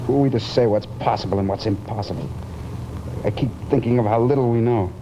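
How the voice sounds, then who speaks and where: A man's voice: medium pitch, fast, close to an everyday voice. An actor playing a haunted, guilt-ridden man confessing his fear of death, intense and brooding in the manner of 1950s television drama. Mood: haunted dread. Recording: muffled, noisy old television soundtrack.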